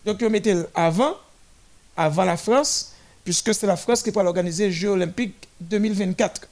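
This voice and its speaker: A high-voiced man narrates a parade of nations, listing each country in turn and frequently breaking off to start again.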